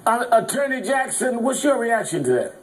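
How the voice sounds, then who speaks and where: A man anchoring a news program, introducing a story and interviewing guests in a measured, earnest way. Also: very high-pitched, big pitch swings, rough recording. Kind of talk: broadcast news presenting.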